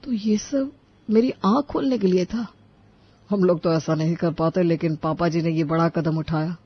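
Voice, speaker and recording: A woman's voice: on the low side, moderate pace, husky. A woman voicing a conciliatory young brother-in-law who speaks in a soothing way. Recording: dull lo-fi recording.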